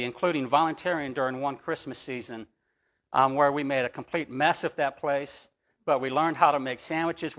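A man with a fairly high voice delivers a sermon from the pulpit of a church sanctuary. He tells stories in an easygoing, conversational way and often restarts his sentences. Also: fairly bright tone. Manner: storytelling, conversational, with repeated restarts. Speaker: pastor.

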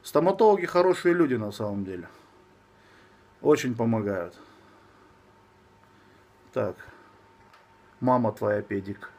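A man's voice: medium pitch, animated, a little slow, pauses often, a little mellow. A man in his thirties with a slushy, lisping s from braces, chatting casually and bluntly as a fitness coach answering viewers on a live stream. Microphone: phone at arm's length.

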